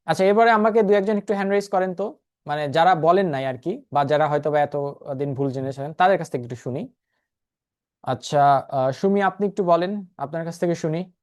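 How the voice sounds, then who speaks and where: A man's voice: on the high side, fairly quick, darkish tone. A man teaching an online class over a video call, patiently repeating and spelling things out for his students. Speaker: spoken English instructor.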